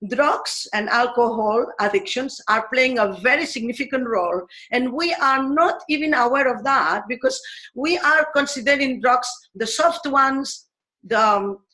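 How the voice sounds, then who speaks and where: A woman teacher from Spain, explaining her ideas in English earnestly, pausing often and searching for words. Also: on the high side, pushed and bright. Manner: earnest and searching, with frequent pauses and fillers. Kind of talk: explanatory talk in a video series.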